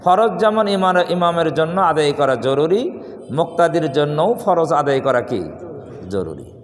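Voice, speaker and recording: A Bangladeshi imam preaching a Friday sermon, his fairly high voice rising and falling with lively swings. He poses questions and leaves them for the congregation to complete. His voice rings through a large mosque hall with a long, echoing reverb. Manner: rhetorical questions the congregation completes, drawn-out demonstrations of recitation.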